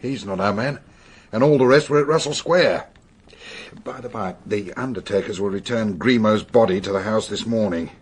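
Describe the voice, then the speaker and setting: An actor playing an earnest, harried British police inspector in a radio drama, husky, serious and blunt. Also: male voice, lowish voice, moderate pace. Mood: sober reporting.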